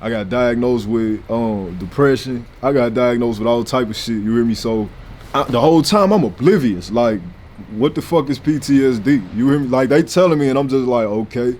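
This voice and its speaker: Brash young St. rapper talking. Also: male voice, medium pitch, moderate pace, darkish tone, slight background noise. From St. Louis, USA. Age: 20s. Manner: brash, profane, slangy. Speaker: rapper, interview guest. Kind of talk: casual sit-down interview talk.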